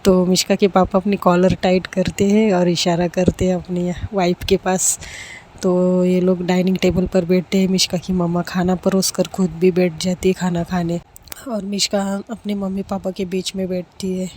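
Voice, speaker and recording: A woman's voice: lowish voice, little pitch movement, normal speed, a little mellow. A woman narrating a love story casually, repeating phrases and joining them with fillers. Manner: repetitive, with frequent 'to' fillers.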